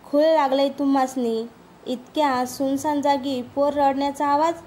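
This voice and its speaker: A woman putting on a calm, mysterious village woman. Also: high-pitched, a little slow, a little hiss or hum. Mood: coaxing. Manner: rustic village dialect, coaxing and self-assured. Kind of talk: storybook reading.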